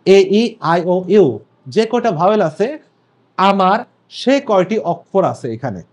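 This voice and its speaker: A man's voice: high voice, big pitch swings, takes it slowly. A young male teacher, lecturing step by step on poetry meter and repeating key points for students.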